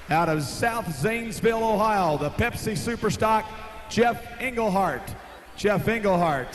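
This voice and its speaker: An American man working as an arena announcer, introducing competitors in a rousing, projected voice with drawn-out names. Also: sits high, a bit bright. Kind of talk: driver introductions at a tractor pull show. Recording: noisy live arena PA recording.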